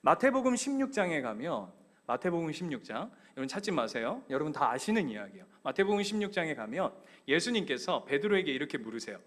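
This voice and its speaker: A middle-aged male pastor preaching a sermon, animated and joking, acting out the voices of people in his stories. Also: on the high side, quick pace. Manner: animated, acts out voices of Bible figures and his kids, jokes with the congregation.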